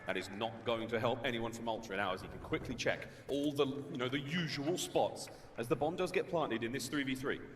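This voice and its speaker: A man's voice: medium pitch, brisk. A man giving live play-by-play esports commentary as a caster, with dramatic, theatrical phrasing. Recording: reverberant hall, noisy background.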